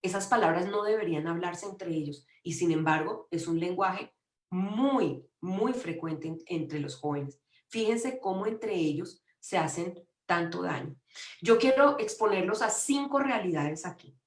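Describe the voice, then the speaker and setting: A woman's voice: lowish voice, expressive, unhurried. Emphatic woman lecturing in an echoey room. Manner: emphatic, with frequent restarts. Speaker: conference speaker.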